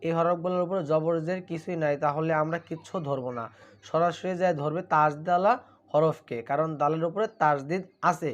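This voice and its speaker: A man teaching Quran recitation, who draws out each verse slowly and then explains the pronunciation in quicker asides, often calling listeners brother. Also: a little high, fairly even intonation, lo-fi sound. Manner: slow drawn-out recitation between brisk explanations; addresses listeners as brother, repeats to drill. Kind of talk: spelling out and reciting verses for learners.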